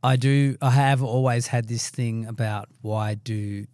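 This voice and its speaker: A man with a croaky voice co-hosting a podcast, chatting casually and thinking aloud with some hesitation. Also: medium pitch, fairly even intonation, measured pace, darkish tone, no echo. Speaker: podcast co-host. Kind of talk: casual conversational podcast chat.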